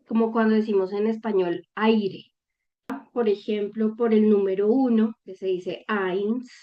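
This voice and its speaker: A woman teaches a language lesson at a very slow, deliberate pace, with patient explanations and frequent quick questions to her viewers. Her voice sits at a middle pitch, and the recording sounds a little dull and lo-fi. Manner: patient, checks in with short questions. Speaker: German teacher.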